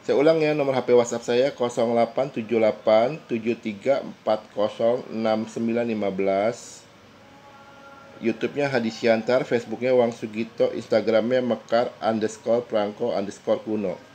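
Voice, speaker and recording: A man's voice: mid-range voice, fairly even intonation, warm tone, a little hiss or hum. A man vlogging casually to his viewers with a stuffy, congested nose from a cold, chatty and repeating himself. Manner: chatty, repeats himself, slow deliberate counting. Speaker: YouTube vlogger. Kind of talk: casual monologue to camera.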